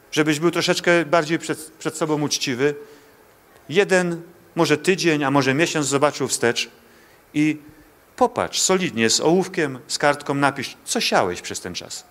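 In a fairly high, somewhat bright voice, a man preaching in church speaks straight to his congregation, pleading with them and posing rhetorical questions.

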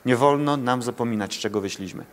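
A male pastor delivers a sermon to his congregation in church. He pleads with his listeners and fires rhetorical questions straight at them. His voice sits at an ordinary male pitch. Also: fast, a little hiss or hum.

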